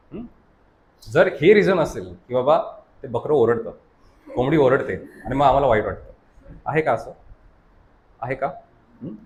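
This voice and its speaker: A man's voice: a little high, a little hiss or hum. A male science teacher with a Marathi accent, lecturing a class and constantly checking that students understand, mixing English terms into his explanations. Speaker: science teacher at a coaching academy.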